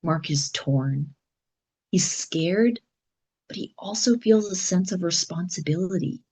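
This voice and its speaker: Female teacher-narrator, calm and deliberate storytelling, slightly low, husky voice. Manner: calm, deliberate storytelling, some lines near a whisper. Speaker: English teacher. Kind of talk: slow scripted story narration for learners.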